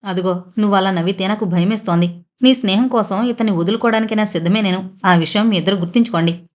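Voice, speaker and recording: A woman's voice: mid-range voice, fast, close to an everyday voice. A woman voicing a timid, loyal young friend who speaks anxiously and pleadingly in a storybook reading.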